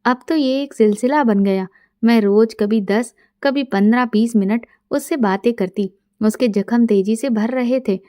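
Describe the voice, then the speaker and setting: Woman softly narrating her own story. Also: fairly high pitch, unhurried, no room sound, clean studio sound. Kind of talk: first-person story narration.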